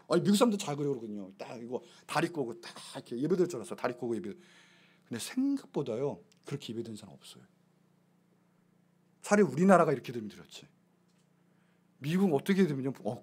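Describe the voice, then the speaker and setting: Male pastor with a high, animated voice, preaching to a congregation in a church. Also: slightly rough. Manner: animated, swings between loud exclamations and hushed asides. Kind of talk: lively sermon. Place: church sanctuary.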